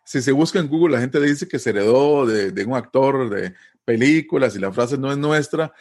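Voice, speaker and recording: A man from Costa Rica with a Costa Rican accent, explaining in a relaxed, patient way as an interview guest, often pausing with fillers and tag questions. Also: mid-range voice. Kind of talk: casual conversational explanation.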